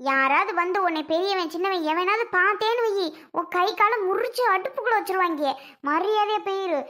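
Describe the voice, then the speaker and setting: A woman playing an angry, commanding mother in a cartoon serial, barking orders at her daughter. The voice is very high and bright, with a harsh edge. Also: fairly quick. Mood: scolding. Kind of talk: cartoon family serial voice acting.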